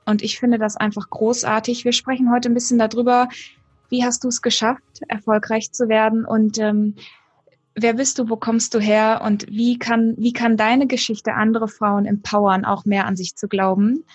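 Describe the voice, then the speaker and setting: A woman's voice: fairly high pitch, level tone, normal speed, slightly rough, dry recording. A woman hosting a podcast interview, effusive and gushing with compliments for her guest. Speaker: podcast host.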